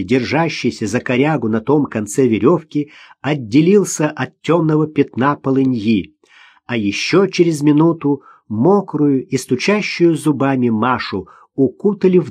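A man's voice: medium pitch, lively intonation, unhurried, darkish tone, breathy edge. A man reading a novel aloud as an audiobook narrator, telling the story expressively.

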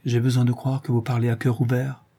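A man's voice: medium pitch, flat delivery, brisk, warm tone, slightly rough. A man reading an audiobook, voicing a dignified, earnest young suitor with a grave delivery. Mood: tender.

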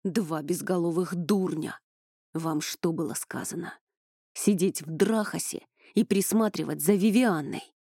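Woman voicing a gruff, scolding male commander. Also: on the high side, unhurried, dark tone, dry recording, clean studio sound. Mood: angry scolding. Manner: gruff, berating.

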